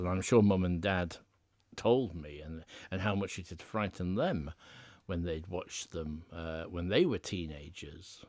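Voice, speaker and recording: Low-voiced man with dry close sound. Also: no echo. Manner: chatty, enthusiastic, laughs while talking. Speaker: podcast panelist. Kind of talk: casual chat.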